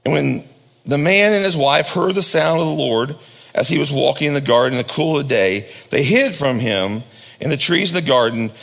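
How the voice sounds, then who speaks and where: A pastor preaching a sermon at a pulpit microphone, swinging from loud high emphasis down to low hushed lines. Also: male voice, moderate pace, creaky, big-room sound.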